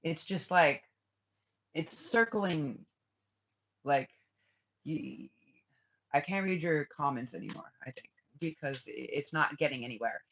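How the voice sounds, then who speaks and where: With a slightly bright mid-range voice, a spiritual reader talks at a measured pace and pauses often during a loose live stream. Thoughts trail off and restart, then land as blunt, profane remarks to the chat. The audio is muffled, dull and lo-fi.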